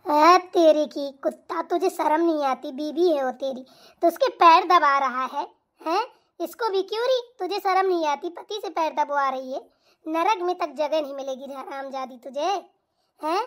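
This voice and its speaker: Cartoon role: a woman as a screechy, nagging old mother-in-law with a sharp tongue. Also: high-pitched, moderate pace, lightly acted. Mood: scolding. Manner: nagging, insulting, tag questions. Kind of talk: cartoon voice acting.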